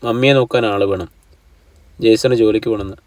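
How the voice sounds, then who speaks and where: A man voicing a sad young woman who answers her mother quietly, in an audiobook reading. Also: fairly low pitch, fairly even intonation, fairly quick, no room sound, distant mic, voice pushed down, natural voice. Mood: subdued.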